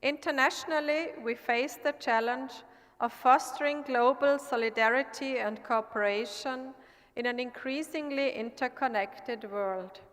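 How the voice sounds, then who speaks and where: Woman, parliamentarian, from Austria, formal prepared speech, unhurried, fairly high voice. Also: a bit bright. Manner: earnest, measured delivery. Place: large assembly hall. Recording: long hall reverb.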